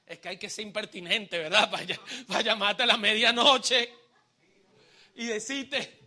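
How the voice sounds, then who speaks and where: Bright high-voiced preaching pastor. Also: male voice, steady tone, a little slow. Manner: calls on the congregation to repeat phrases, then shouts refrains; dramatic swings between hushed asides and loud emphasis. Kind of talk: live sermon. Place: church service before a congregation.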